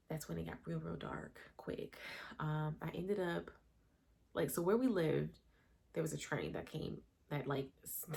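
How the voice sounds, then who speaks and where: A woman's voice: deep voice, creaky, darkish tone. A woman in her thirties telling a candid, emotional personal story in a conversational vlog. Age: 30s. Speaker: vlogger.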